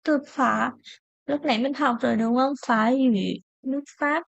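A young woman from Vietnam, speaking, patiently teaching a language lesson and repeating words slowly. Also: high-pitched, vocal fry, no room sound, dull audio.

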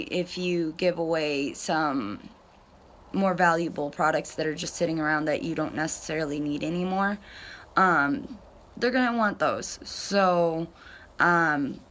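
Low-pitched woman explaining step by step. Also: a bit bright. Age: 30s. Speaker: direct sales consultant giving a tutorial. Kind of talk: casual explanatory talk to camera. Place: covered porch outdoors. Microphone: phone at arm's length or propped close. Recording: faint outdoor background noise.

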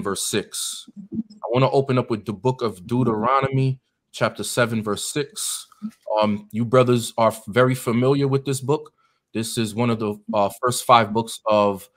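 An American man, a deacon, preaching earnestly and directly to guests at a meeting, with many ums and uhs. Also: lowish voice. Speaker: deacon leading a Bible study.

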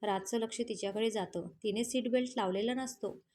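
A woman's voice: a little high, steady tone, fairly quick, warm tone. A woman reading a romance story aloud as narrator, giving the characters' lines with only light changes of voice.

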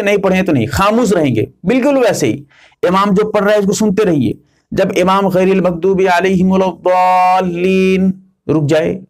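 A man's voice: a little high, a little mellow. A man, an Islamic scholar, giving religious instruction in an earnest, emphatic way, repeating key points step by step.

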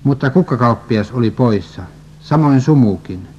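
A man steadily reading a religious prophecy story and scripture aloud, at an even pace, on a dull lo-fi recording. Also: medium pitch, slight background noise. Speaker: reader.

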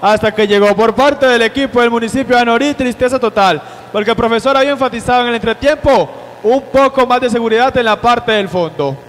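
Very high-voiced Colombian touchline reporter, man. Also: brisk, fairly bright tone, in a large hall. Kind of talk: live sideline match report.

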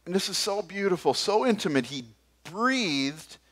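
A man's voice: sits high, lively intonation, moderate pace. Emphatic older male preacher at pulpit. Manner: emphatic, gesturing preacher with sudden drops to quiet. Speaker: pastor. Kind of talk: sermon. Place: church stage behind a wooden pulpit.

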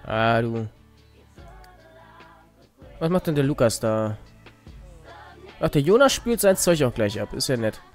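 A man's voice: medium pitch, very animated, measured pace, long pauses, darkish tone, soft background music. A man giving casual, wry commentary while playing a life-simulation game, muttering to the characters on screen. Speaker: let's play host.

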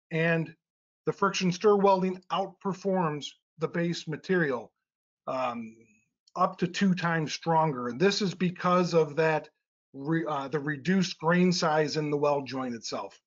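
A man's voice: fairly high pitch, takes it slowly. A middle-aged man presenting technical slides in a webinar, explaining step by step with frequent uh and um fillers. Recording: slightly dull lo-fi webinar audio.

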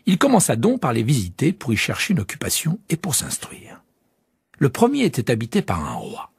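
A man narrating a children's audiobook in an expressive, hushed way, often dropping near a whisper. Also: mid-range voice, fairly quick, vocal fry, soft background music.

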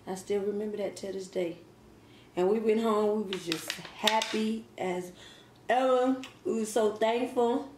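In a home kitchen that echoes slightly under faint ambient noise, a mukbang vlogger in her thirties eats and chats through a casual Q and A, laughing often and talking between bites. Her medium-pitched voice is a little mellow, with fairly even intonation and a measured pace. A fixed camera sits across the table.

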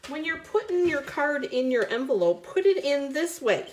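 A woman's voice: high voice, sing-song, normal speed. Bubbly woman chatting through a craft stream. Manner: chatty, bubbly, greets viewers by name. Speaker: card-making host. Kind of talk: live crafting stream chat.

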